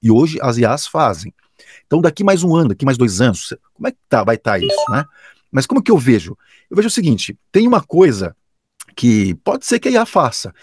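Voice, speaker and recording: This is an enthusiastic Brazilian announcer speaking casually in an interview. His husky voice moves animatedly up and down in pitch, and he stresses his points hard. The recording is dry and close. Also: very animated, brisk, dry recording. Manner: enthusiastic, emphatic, with frequent restarts. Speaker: professional announcer and radio director.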